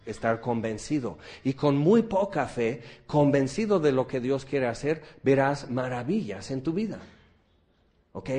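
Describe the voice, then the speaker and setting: A man's voice: mid-range voice, warm tone. A man preaching a conversational sermon, asking rhetorical questions and adding jokes.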